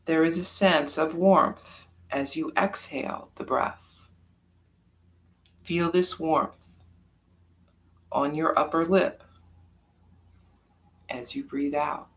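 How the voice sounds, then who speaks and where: In a soft, medium-pitched voice, a yoga nidra teacher guides a meditation calmly and without hurry, leaving long pauses.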